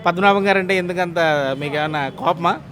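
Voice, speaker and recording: A man interviewing locals, asking probing questions between soft murmurs of agreement. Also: high-pitched, fast talker. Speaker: street interviewer.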